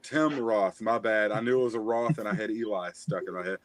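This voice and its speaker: Against a crowd in the background, a man with a lowish voice talks a little fast as co-host of a casual movie review podcast. He rambles, corrects himself, and leans heavily on fillers and restarts.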